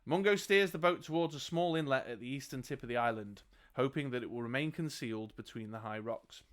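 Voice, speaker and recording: A man with a medium-pitched voice reads a fantasy gamebook aloud at a brisk clip, serving as game master. Between passages he laughs often and cracks jokes.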